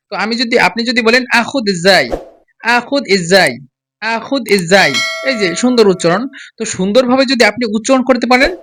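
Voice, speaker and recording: Bright high-voiced male language teacher. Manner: repeats each phrase slowly and urges listeners to copy his pronunciation. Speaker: Arabic teacher. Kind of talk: spoken language lesson.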